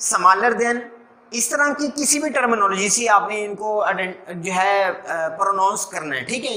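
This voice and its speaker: A man's voice: high voice, bright, forceful tone. A male math teacher patiently explaining each step to his students, dropping English math terms into his speech. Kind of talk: recorded classroom lesson. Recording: echoey room.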